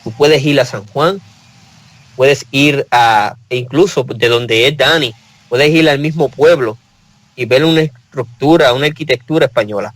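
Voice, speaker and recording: A man from Puerto Rico, with a Puerto Rican accent, speaks earnestly as a guest in a casual panel discussion, sharing personal stories. His voice is mid-range and his speed normal; there's no room sound, but the audio quality is poor.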